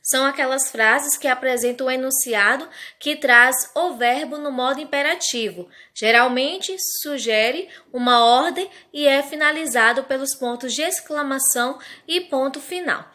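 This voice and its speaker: A woman teacher from Brazil gives a recorded grammar lesson. Her voice sits a little high, and she explains each point slowly and carefully for her students. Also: pushed and bright.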